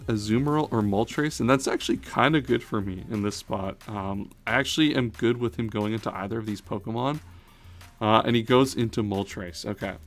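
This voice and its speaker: A man giving thinking-aloud commentary on a competitive battle, analytical and often correcting himself mid-sentence. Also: mid-range voice. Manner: analytical, self-correcting, frequent "um" and "uh".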